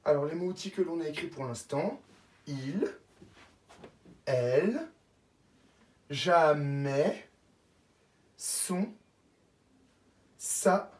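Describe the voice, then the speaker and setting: A woman first-grade teacher giving a slow dictation lesson to young children, spelling each word out letter by letter and repeating it. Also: low-pitched, lively intonation, a little mellow. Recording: echoey room, voice from a distance.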